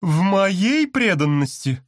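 A man's voice: sits high, very animated, slow pace, no room sound, clean studio sound, voice pushed up, full character voice. A man voicing an insistent, indignant young woman activist in an audiobook.

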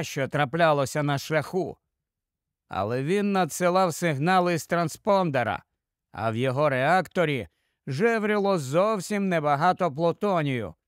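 A man's voice: on the high side, dry recording, clean studio sound. Man reading a story dramatically. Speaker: audiobook narrator. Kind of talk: scripted story narration.

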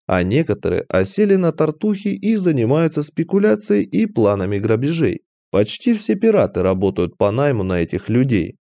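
A man reading a fantasy audiobook aloud as first-person narration, in an animated, expressive manner. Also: medium pitch, normal speed, creaky, hardly any pauses, no room sound.

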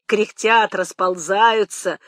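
A woman's voice: mid-range voice, steady tone, slow, dry recording, clean studio sound, lightly acted. A woman reading as a crooning old nanny. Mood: brooding. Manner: crooning, lamenting, shifting to hushed whispers. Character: old village nanny, tender yet teasing and sly.

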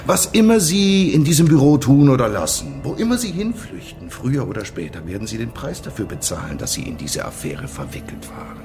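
Speaking over music in a mid-range, very animated voice, an actor in a German radio play portrays a cynical Soviet chief prosecutor with cool menace. He leans on theatrical, drawn-out emphasis that can fall toward a whisper, and the mood is quietly menacing.

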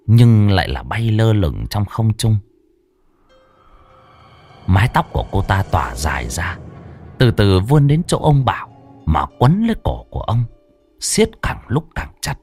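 Dramatic horror storyteller. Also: male voice, lowish voice, a little mellow, dry recording. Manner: dramatic, swooping storytelling delivery. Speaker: ghost story narrator. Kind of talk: scripted horror story narration. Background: faint background music.

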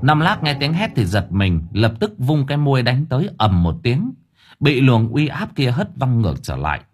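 A man narrating a ghost story audiobook in a vivid, expressive way. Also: mid-range voice, normal speed, breathy edge.

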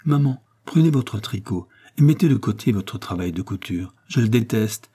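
A man's voice: fairly low pitch, lively intonation, moderate pace, warm tone, husky. A man voicing an affectionate young woman coaxing her mother tenderly, in an audiobook reading.

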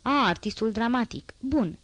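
A woman's voice: a little high, expressive, no echo, pitched above the performer's own voice. A woman voicing a scheming, fawning old male ex-actor who begs in a whining, theatrical way, in an audiobook reading. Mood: sly whisper.

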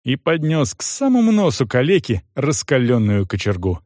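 A man narrating an audiobook in a slow, lively storytelling manner. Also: medium pitch, no room sound, studio quality. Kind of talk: audiobook reading.

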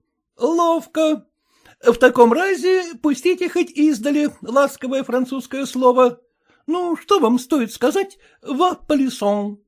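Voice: high voice, animated, slow pace. A reader voicing a newly married husband who coaxes and nags his wife in folksy, old-fashioned speech. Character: newly married merchant husband, pushy and coarse.

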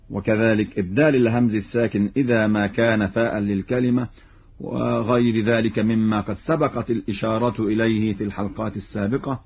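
Male reciter-teacher, formal radio lesson, measured delivery with slow chanted examples; muffled vintage broadcast sound. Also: mid-range voice, slightly rough. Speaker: Quran reciter explaining reading variants. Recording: dull old radio broadcast recording.

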